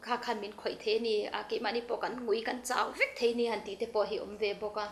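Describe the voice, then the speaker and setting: A woman's voice: mid-range voice, little pitch movement, quick pace, a bit bright, echoey room, a little hiss or hum. A woman hosting a faith talk show, interviewing a guest attentively and often murmuring agreement. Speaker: host.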